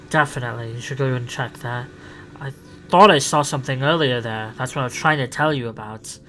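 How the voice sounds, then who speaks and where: A man's voice: mid-range voice, fairly quick, pushed and bright, close to an everyday voice. Man playing the Doctor, eager and improvised, a faint hiss behind. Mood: encouraging. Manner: improvising with restarts and fillers, eager. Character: the Doctor, a male alien time traveller, curious and urgent. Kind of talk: improvised fan audio drama.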